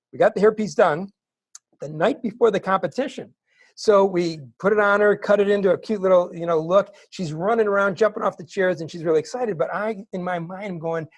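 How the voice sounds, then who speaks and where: A middle-aged man telling his story as an interview guest, animated and building to excited bursts. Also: high voice, dry recording. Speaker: interview guest, wig maker.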